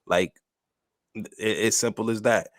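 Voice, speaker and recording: A man's voice: on the low side, steady tone, a little slow, a bit bright, no room sound, clean studio sound. A man with a New York accent co-hosting a casual sports podcast, emphatic and slangy, often asking "you know what I'm saying". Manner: emphatic, slangy, repeats filler phrases.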